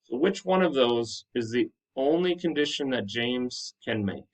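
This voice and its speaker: A man speaks as a teacher to his class in a medium-pitched voice. He explains things in an instructive manner and checks understanding with questions. The microphone sits at some distance from him. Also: animated, a little slow. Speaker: high school math teacher.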